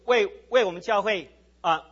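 A male pastor delivers an animated sermon, constantly asking his listeners questions. His voice sits high and a little husky. It comes through a muffled church sound system. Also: normal speed. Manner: animated preaching, asks the congregation questions. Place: church sanctuary.

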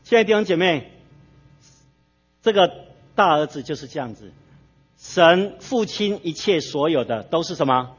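High-voiced, husky preaching man. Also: lively intonation, moderate pace, long pauses. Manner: fill-in-the-blank questions to the congregation; storytelling with frequent tag particles. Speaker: pastor. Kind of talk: sermon. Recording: dull lo-fi sermon recording.

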